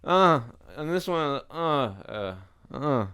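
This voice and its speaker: Blunt laid-back man, smooth voice. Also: on the high side, big pitch swings, slow, bright, forceful tone. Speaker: co-host reviewer. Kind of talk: casual review chat.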